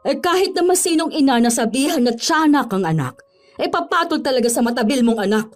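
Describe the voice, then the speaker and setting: An actress playing a stern older mother-in-law and grandmother who scolds her son with sharp retorts, in a horror audio drama. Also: high voice, animated, fairly quick, faint music behind. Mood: scolding. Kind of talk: Filipino radio-style horror drama acting.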